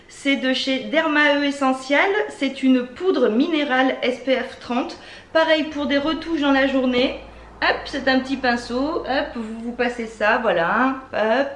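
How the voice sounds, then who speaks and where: Chatty French woman in an echoey room. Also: on the high side. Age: adult with children. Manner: chatty, enthusiastic, many fillers. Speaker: beauty vlogger. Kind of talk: casual product haul. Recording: echoey room, faint ambient noise.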